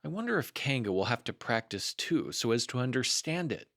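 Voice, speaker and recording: A man voicing a slow-witted, humble storybook bear who talks in a simple, earnest way. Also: mid-range voice, sing-song, vocal fry, fairly bright tone, no echo, clean studio sound.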